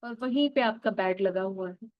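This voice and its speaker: A woman guiding an inner child healing meditation, speaking softly and gently straight to the listener. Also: mid-range voice, no room sound, highs cut off. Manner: soft, slow and gentle, addressing the listener directly. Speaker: meditation guide.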